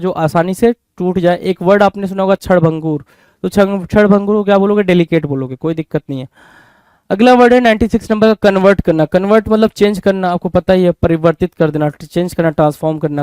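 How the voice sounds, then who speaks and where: A man with an Indian accent teaches vocabulary for an exam course. He drills each word, asks a question and answers it himself. His high, smooth voice is recorded close and dry. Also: steady tone, quick pace, a little mellow, dry recording. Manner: repetitive, drilling. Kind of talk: online exam-prep vocabulary lesson.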